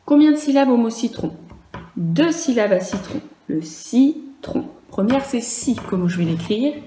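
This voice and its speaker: A woman teaching a first-grade dictation lesson in a virtual class, speaking slowly and clearly and spelling out letters and sounds. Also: a little high, animated, mellow, reverberant, slight background noise, rough recording.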